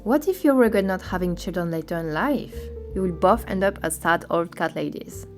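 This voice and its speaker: A woman acting in an animated short film, speaking in an earnest, questioning manner. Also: on the low side, normal speed, lightly acted. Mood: probing. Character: opinionated woman, later a polite, attentive therapist. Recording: music under the voice.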